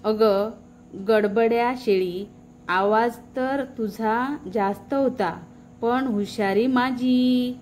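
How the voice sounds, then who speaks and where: A woman's voice: fairly high pitch, very slow, a little mellow, slight background noise. A woman voicing a small, clever male mouse in a children's storybook tale, sly and persuasive. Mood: gloating.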